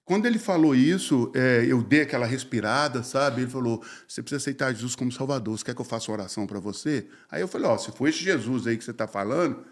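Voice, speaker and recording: A man, a pastor telling his life story in a casual, slangy, animated way and acting out the dialogue. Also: medium pitch, fast talker, hardly any pauses. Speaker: pastor, podcast guest.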